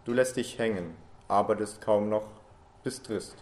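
A man reading a story aloud, voicing the comforting ghost of a lost loved one who softly urges the listener not to give up. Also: fairly low pitch, a little slow, a little hiss or hum, lightly acted. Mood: urging.

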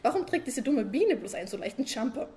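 A woman voicing a fussy, nagging female beetle wife in a read-aloud story, high, insistent and preachy. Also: big pitch swings, fast, mellow.

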